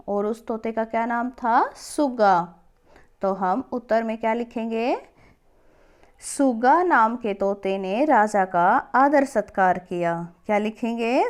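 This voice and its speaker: A woman's voice: on the high side, darkish tone. A woman teaching a lesson to young children, patiently repeating each question and answer for the class. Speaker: primary school teacher.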